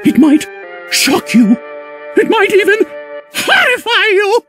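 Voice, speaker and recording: A man voicing a cheerful cartoon mouse uncle in a squeaky falsetto, telling stories theatrically in a read-along storybook. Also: huge pitch swings, fairly bright tone, soft background music, heavily acted. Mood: ominous, theatrical. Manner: theatrical, drawn-out delivery.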